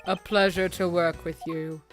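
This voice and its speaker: Cool, haughty gentleman prosecutor for a video game, voiced by a woman: formal, measured, dropped lower. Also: flat delivery, faint music behind, close to an everyday voice. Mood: cold politeness. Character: cool, formal, aloof male genius prosecutor.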